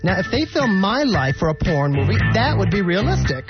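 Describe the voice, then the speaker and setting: A man's voice: high-pitched, big pitch swings, moderate pace, dull audio, over loud music. A man with a chatty, campy manner doing a casual comic monologue as host.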